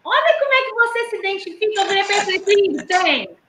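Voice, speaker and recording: Brazilian woman teacher with a Minas Gerais accent, very high and bright voice, lively storyteller who acts out quoted voices, echoey room. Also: very fast, slight background noise. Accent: Brazilian Portuguese, Minas Gerais. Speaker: teacher and sign language interpreter. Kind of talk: casual live talk with anecdotes.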